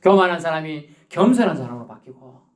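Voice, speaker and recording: A man's voice: fairly high pitch, sing-song, brisk. A male pastor preaching a sermon in a church, acting out little scenes and laughing as he goes. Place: church sanctuary.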